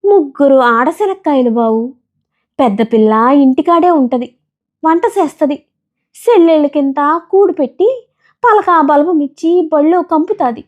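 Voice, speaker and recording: A woman's voice: high voice, animated, a little slow, dull audio, pitched above the performer's own voice. A woman voicing a poor, resigned peanut-selling village woman with a coastal Andhra village dialect, crying out her wares. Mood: weary, resigned. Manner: shouting street-vendor calls, weary dialect speech.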